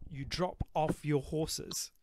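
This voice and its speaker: A man running a tabletop game as game master over a call from home, halting with many fillers. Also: a little high, fairly even intonation. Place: home bedroom. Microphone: home remote-call mic.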